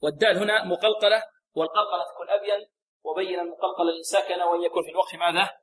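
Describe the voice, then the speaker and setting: A man with a high voice teaches Quran recitation rules. He talks like a patient teacher, asking his class questions and then giving the answer himself. Now and then he recites a verse slowly. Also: fairly even intonation, fairly bright tone, poor audio. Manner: explains rules, asks pupils questions and gives the answers. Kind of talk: tajweed lesson with call and response. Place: radio lesson.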